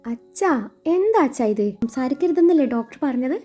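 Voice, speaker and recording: Woman reading an anxious young woman, pleading, soft music behind. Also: on the high side, fairly quick, breathy edge. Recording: muffled recording with soft music.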